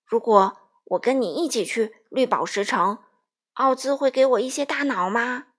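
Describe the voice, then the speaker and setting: A woman voicing a gentle, simple male scarecrow with a hoarse, raspy voice, reading a children's storybook. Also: a little high, normal speed. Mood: sad, hopeful.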